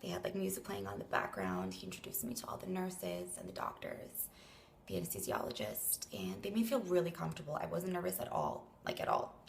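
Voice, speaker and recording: A woman's voice: on the low side, very animated, a little fast, gravelly, a little hiss or hum. A young Canadian woman who sounds tired and weak after surgery, rambling hesitantly through a casual vlog and trailing off breathily into near-whispers. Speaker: vlogger.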